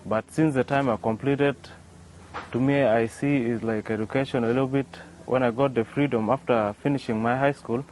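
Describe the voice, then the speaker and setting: Interviewed outside a workshop, this young South Sudanese man, an inventor, stumbles through his answers with many restarts and a filler "yeah." His voice is mid-range and darkish; the recording is rough, with faint outdoor noise.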